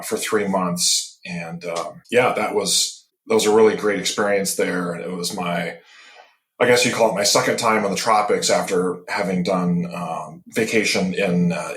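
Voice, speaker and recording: A man in his fifties from Michigan, a podcast guest telling stories in a reflective way and often pausing to find his words. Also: deep voice, a bit bright. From Michigan, USA. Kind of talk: casual interview. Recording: roomy echo.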